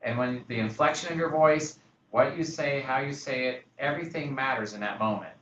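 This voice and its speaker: A man's voice: medium pitch, a little fast, a bit bright. A man who works as a real estate broker, talking in a casual podcast discussion and acting out phone calls as he tells stories. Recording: roomy, distant, dull sound with faint noise.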